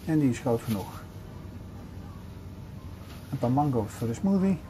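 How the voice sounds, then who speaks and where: A man's voice: mid-range voice, lively intonation, measured pace, over music. Chatty older man narrating a shop walk. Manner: chatty, showing things around as he walks. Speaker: vlogger. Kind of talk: casual shopping vlog narration. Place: large supermarket, indoors.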